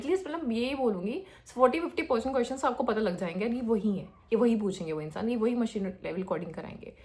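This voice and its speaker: A young woman from India giving casual career advice as a developer. She talks in a hyperactive rush and mixes in phrases. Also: medium pitch. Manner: hyperactive, rapid talker mixing in English phrases.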